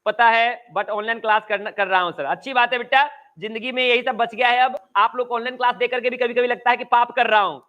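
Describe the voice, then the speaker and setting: High bright-voiced Bihari Hindi teacher. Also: male voice, fairly even intonation, lo-fi sound. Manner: drawls and repeats key phrases slowly, chatty asides to students. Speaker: English grammar teacher. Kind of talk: online class lecture. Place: coaching class at home.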